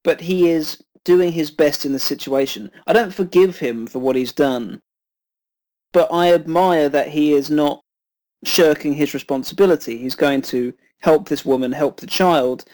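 A man co-hosting a film podcast, calmly and politely arguing his side in casual chat. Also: fairly high pitch, normal speed, poor audio. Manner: calm, reasoned, disagreeing politely.

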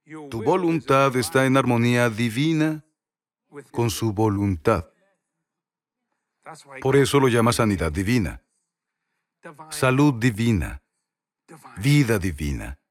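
A man's voice: mid-range voice, very animated, slow, pauses often. A man preaching a sermon, repeating key phrases and asking the congregation rhetorical questions.

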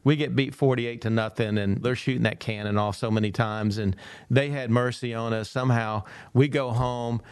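A middle-aged man tells a story in an animated way, acting out the voices of the people in it and laughing often. His voice sits at an ordinary pitch for a man. The sound is dry and close, with no room echo. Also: moderate pace, clear, resonant tone. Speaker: speaker and former football coach. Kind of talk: storytelling in a podcast conversation.

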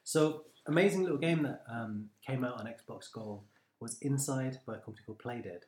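A man's voice: mid-range voice, normal speed. A man co-hosting a casual podcast chat, upbeat and jokey. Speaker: podcast co-host. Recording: echoey room.

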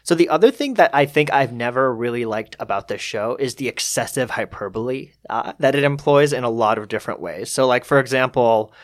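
A young man with a mid-range voice co-hosting a casual podcast. He talks in a thoughtful, measured way and pushes back politely. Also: mid-range voice, expressive. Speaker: podcast co-host. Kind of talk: casual chat.

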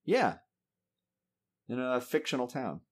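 A man hosting a podcast in casual chat, animated, laughing often and swearing freely. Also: medium pitch, slow pace. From Massachusetts. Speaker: podcast host.

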